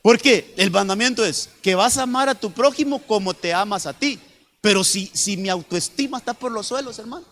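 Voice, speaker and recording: A man's voice: sits high, fairly quick, a bit bright. A man preaching a sermon as pastor, often repeating himself and calling the listeners brother. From Honduras. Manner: repetitive, addresses congregation as brother.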